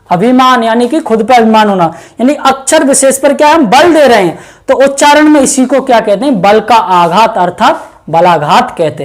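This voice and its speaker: A woman teaching a grammar lesson for exam preparation, explaining step by step with many repeated fillers and calling her viewers friends. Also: high-pitched.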